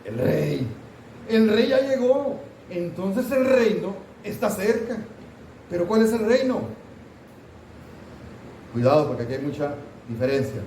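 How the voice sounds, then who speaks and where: A man's voice: high voice, very animated, a little slow, long pauses, warm tone, slight background noise. Man, pastor, Sunday school class, conversational, quizzing students, echoey room, distant mic. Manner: conversational, asks the class questions, mock scolding asides. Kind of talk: interactive Bible class teaching. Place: church classroom. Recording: roomy church hall, voice from off-mic.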